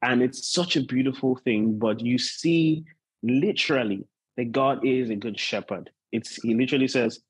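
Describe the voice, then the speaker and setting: A man preaching as a guest pastor in an informal, measured, unhurried way, often repeating points for emphasis. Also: medium pitch, breathy edge, dry recording, rough recording. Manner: unhurried, measured delivery with deliberate repetition. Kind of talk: sermon, informal preaching to an online gathering.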